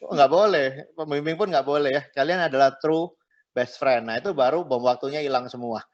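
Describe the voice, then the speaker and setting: Chatty middle-aged pastor, lo-fi sound. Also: male voice, medium pitch, a little fast. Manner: chatty, tags phrases with "ya", mixes in English words. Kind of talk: casual marriage class teaching. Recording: dull lo-fi recording.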